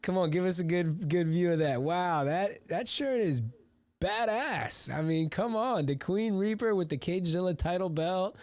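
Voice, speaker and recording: A man's voice: high-pitched, moderate pace, darkish tone, no room sound. Guy hosting an interview, hyped and upbeat, keeps restarting sentences, dry sound. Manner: upbeat, enthusiastic with stumbling restarts. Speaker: show host.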